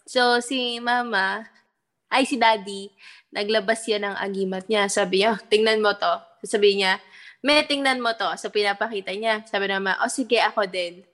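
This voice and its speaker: A woman's voice: mid-range voice, moderate pace, a bit bright. A young adult woman, a daughter, casually recalling family stories with her mother and often laughing. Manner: laughing, teasing reminiscence.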